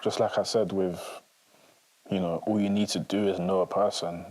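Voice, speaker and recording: A man's voice: deep voice, little pitch movement, moderate pace, a little mellow. A man in his twenties, co-hosting a casual discussion and thinking aloud in a reflective, rambling way. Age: 20s. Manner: reflective, rambling with many fillers. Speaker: podcast co-host.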